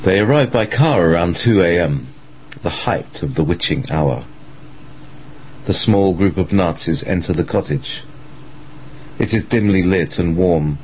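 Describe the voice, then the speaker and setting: A man's voice: low voice, expressive, measured pace, pauses often, slight background noise. A man reading a scripted story as a dramatic narrator.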